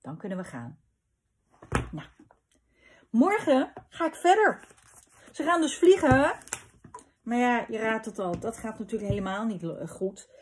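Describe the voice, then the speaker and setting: A woman reading a children's story aloud in a lively, expressive way, with a husky voice. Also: on the high side, unhurried, long pauses, a little hiss or hum.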